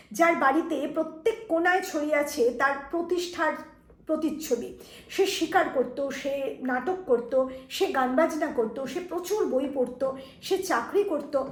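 Woman teacher, high voice, echoey room, revision lesson that speaks to students directly. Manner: explanatory, addressing students directly.

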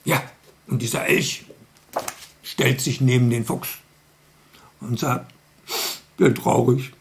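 Male children's storyteller: slow, gravelly, playful, addresses the kids directly. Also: mid-range voice, steady tone, a little hiss or hum. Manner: playful, chatty, asks the kids questions.

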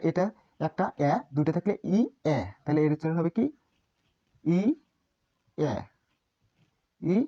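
A man's voice: a little high, mellow, no echo, lo-fi sound. A man teaching a basic language class, repeating sounds and often correcting himself. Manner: repetitive, drilling, self-correcting teacher. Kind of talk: classroom lesson.

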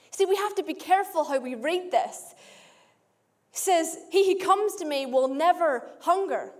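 A woman preaching a sermon in slow, deliberate phrases, often repeating a line for emphasis. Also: sits high. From Australia.

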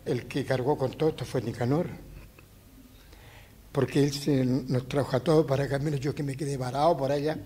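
A man's voice: mid-range voice, steady tone, brisk, warm tone, breathy edge. A man with a Chilean accent telling stories on stage in a colloquial, rambling way, chuckling as he goes. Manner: folksy, chuckling, rambling with restarts. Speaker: musician telling anecdotes on stage. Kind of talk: colloquial live storytelling.

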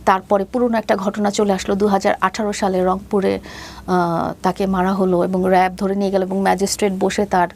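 Speaking at a medium pitch with little variation and a slightly mellow quality, this Bangladeshi-accented woman in her fifties recounts her own story in an interview. Her delivery is halting and mixed with English phrases, and there's slight background noise.

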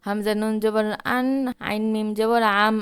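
A woman's voice: medium pitch, completely flat delivery, normal speed, clean tone. A woman teaching Quran reading, spelling Arabic words letter by letter and reciting them with long drawn vowels.

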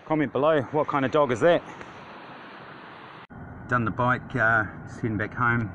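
A man's voice: medium pitch, normal speed, pushed and bright. A man in his forties with a broad New Zealand accent, chatting casually and laconically in slangy, sweary phone-vlog style. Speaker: vlogger. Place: mostly outdoors, some in a car. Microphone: handheld phone at arm's length. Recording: wind and traffic noise on phone mic.

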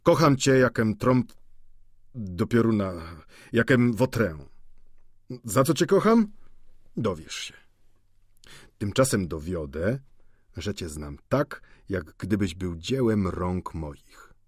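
A man reading the part of a sly, cynical middle-aged schemer who talks with slow mockery. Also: lowish voice, animated, husky, no echo, clean studio sound, full character voice. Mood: persuasive. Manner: mocking, slow and deliberate.

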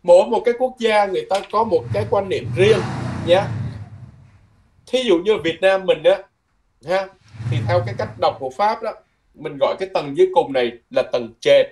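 A man teaching a language lesson, patiently repeating words slowly and ending his phrases with soft tags. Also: on the high side. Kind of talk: lesson explained from a textbook.

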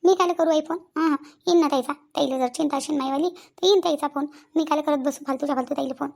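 A woman's voice: high-pitched, steady tone, fast, creaky, a little mellow. A woman voicing a sulky, stubborn young wife. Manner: complaining, repeats herself. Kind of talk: cartoon voice acting.

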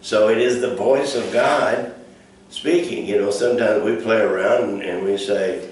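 A man's voice: lowish voice, normal speed, darkish tone. A man pastor teaching a Bible study in a folksy, rambling way, full of fillers and restarts. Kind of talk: casual teaching. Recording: echoey room from a distant mic, faint noise.

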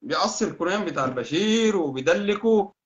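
A man's voice: sits high, lively intonation. A man with a Sudanese Arabic accent, hosting a heated political live stream, ranting with repeated insults. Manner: fast, heated, insulting, repetitive. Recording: dull lo-fi sound.

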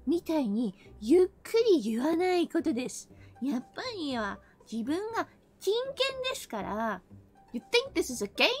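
Woman from the American South, streamer teaching English; high, bouncy voice, playful with mock-angry slang outbursts, faint music behind. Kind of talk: casual live-stream English lesson.

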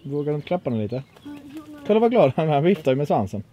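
A man's voice: a little high, big pitch swings, dark tone. A man in his twenties, a YouTuber joking and laughing as he vlogs outdoors at a farm with animals. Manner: joking, playful, laughs often. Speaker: YouTuber filming with his nephew. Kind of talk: casual vlog chat.

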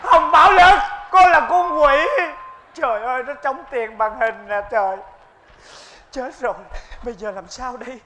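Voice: high-pitched, unhurried, noisy background. Performer doing a panicky henpecked husband. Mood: panicked. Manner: flustered, yelping, pleading. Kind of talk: stage comedy acting.

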